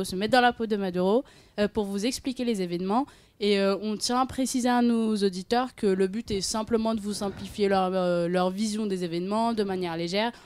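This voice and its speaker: A woman's voice: mid-range voice, a little mellow. A young woman hosting a student radio show, casual and hesitant, with many fillers. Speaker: host.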